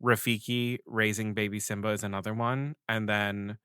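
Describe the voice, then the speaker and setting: Man, podcast co-host, bright crisp voice, dry close sound, playful casual chat. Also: lowish voice, flat delivery, moderate pace, dry recording. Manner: playful, jokey, emotional when telling a story.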